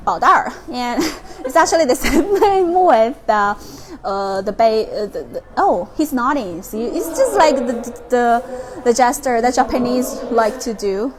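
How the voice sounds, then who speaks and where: Chatty high-voiced woman at a noisy stable. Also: a little slow. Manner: chatty and excitable, coos and talks to the horses. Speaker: live-stream host touring a horse stable. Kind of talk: casual live-stream commentary. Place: horse stable with animals nearby. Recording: loud background noise from the stable.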